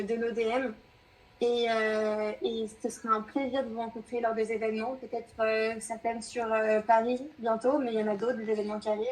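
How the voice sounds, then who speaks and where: A woman's voice: on the high side, low-quality recording. A woman giving appreciative, somewhat hesitant farewell remarks to a group.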